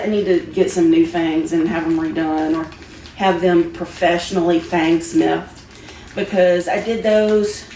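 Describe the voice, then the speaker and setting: With a low, darkish voice, a middle-aged woman chats casually over a Halloween unboxing, playful and giggly, with lots of exclamations. The recording has a roomy echo and noticeable background noise.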